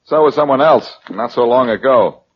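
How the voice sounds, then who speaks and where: A man's voice: mid-range voice, moderate pace. An actor playing a wisecracking male private detective in a 1940s radio drama, with dry, teasing banter, heard as an old radio broadcast. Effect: old radio broadcast sound. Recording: dull lo-fi 1940s radio recording with faint hiss.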